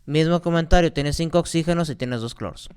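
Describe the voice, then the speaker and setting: A man's voice: a little high, a little fast, a little mellow, clean tone. A man, a chemistry teacher patiently explaining exercises step by step and asking rhetorical questions. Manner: patient, repeats key points, asks rhetorical questions.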